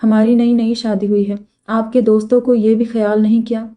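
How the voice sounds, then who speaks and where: A woman's voice: a little high, little pitch movement, normal speed, muffled recording, close to an everyday voice. A woman voicing a playful young bride in a storybook reading, sulky and on the edge of tears. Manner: sulky, tearful.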